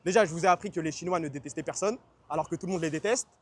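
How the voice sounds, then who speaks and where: A man streaming casually, chatting fast in slang and answering his chat. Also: a little high. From France.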